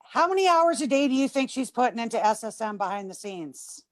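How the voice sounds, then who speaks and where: A woman's voice: fairly high pitch, expressive, brisk, no echo. A woman giving an emphatic, gushing testimonial on a video call, at times choked up. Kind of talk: emotional testimonial.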